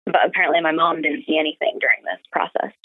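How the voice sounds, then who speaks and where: A young adult woman, appearing as a podcast guest over a remote call, tells personal stories in a casual, matter-of-fact, conversational way. Her deep voice has fairly even intonation and she talks fast; the narrow, phone-like audio has no echo.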